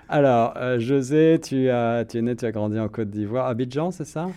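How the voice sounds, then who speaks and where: A man hosting an interview podcast, asking questions in a measured way with frequent fillers. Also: medium pitch, warm tone. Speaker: podcast host. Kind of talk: hosted interview.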